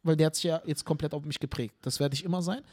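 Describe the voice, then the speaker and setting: A man co-hosting a comedy podcast, telling stories animatedly in casual chat and often tagging his sentences with quick questions. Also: fairly high pitch. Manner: animated storyteller, tag questions, acts out scenes.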